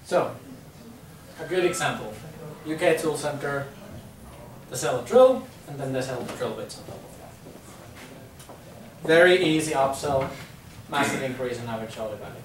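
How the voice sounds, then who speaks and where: Medium in pitch, lively in intonation, a little slow and pausing often, this Finnish man in his thirties speaks with a Finnish accent as he gives a casual business presentation to a room. He's chatty, repeating words with lots of ums. The conference room sounds echoey and distant, with a faint hum, since only a far camera recorded it, no mic.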